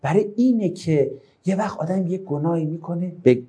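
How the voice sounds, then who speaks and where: Male preacher teaching a class, high mellow voice, recites verses, then bursts into exclamations. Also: slightly rough. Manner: animated, swings between soft asides and raised exclamations; recites Arabic verses then explains them. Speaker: religious teacher. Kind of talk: Quranic lesson sermon to a class.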